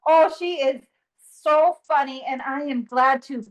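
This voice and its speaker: A woman channeling an ancient male sage spirit, speaking slowly with humming pauses and casual swearing. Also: high voice, dull audio. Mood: serene. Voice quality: slow, pausing, humming "mm" between phrases. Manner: calm, teasing, swears casually. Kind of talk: channeling session.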